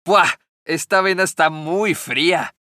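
A man voicing a curious, picky little girl in a raised, higher voice. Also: a little slow, bright, forceful tone, no room sound, studio quality. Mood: disgusted.

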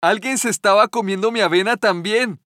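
A man voicing an indignant middle-sized mother bear in a fairly high voice. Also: brisk, bright, forceful tone, no echo, studio quality.

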